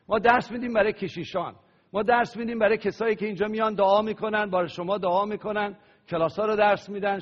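A pastor preaching a sermon, praying aloud and leading the congregation in call-and-response. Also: male voice, sits high. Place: church hall. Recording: dull lo-fi sound with long hall reverb.

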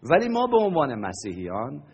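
A man's voice: a little high, wildly swooping pitch, darkish tone, breathy edge. A man preaching a sermon to a congregation, teaching and often asking them questions. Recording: long hall reverb.

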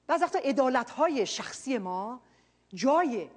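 A woman preacher giving a sermon, earnest, dropping quiet and then rising loud for emphasis. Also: high voice, sing-song.

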